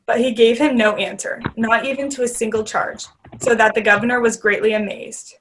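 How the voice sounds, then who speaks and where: A woman narrator giving a measured, formal reading of scripture for readers theater. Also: on the high side, fairly even intonation, fairly bright tone, a little hiss or hum, low-quality recording.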